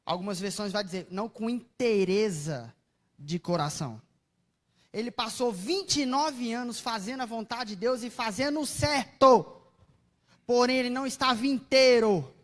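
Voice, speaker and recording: Brazilian woman preacher, mid-range voice, chatty and dramatic sermon storytelling. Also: medium pitch. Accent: Brazilian Portuguese. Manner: expressive storytelling, swinging between soft asides and loud exclamations; chatty, asks the audience questions.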